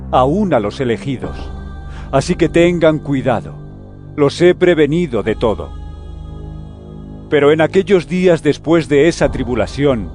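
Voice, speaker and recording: A man playing Jesus as a solemn, deliberate teacher in a scripture audio drama. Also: fairly high pitch, darkish tone. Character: Jesus, solemn adult male teacher warning and instructing disciples.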